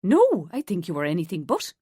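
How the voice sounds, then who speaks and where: Lady reading a wary tired woman, low clipped lines, dry sound. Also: huge pitch swings, fairly quick, dark tone, breathy edge, no room sound, full character voice. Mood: guarded.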